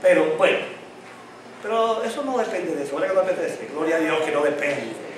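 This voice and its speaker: A pastor delivers a sermon in a church hall, his fairly high voice lively in intonation and fast, with slight background noise. The hall is very echoey and the mic sits at a distance. He poses call-and-response questions to the congregation and says he has a tongue-tie that tangles his speech.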